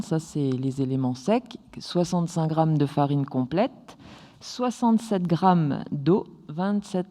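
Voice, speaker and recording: A woman's voice: low voice, warm tone, big-room sound. A woman, a cooking guest, explaining a recipe in a friendly, precise way during a casual interview.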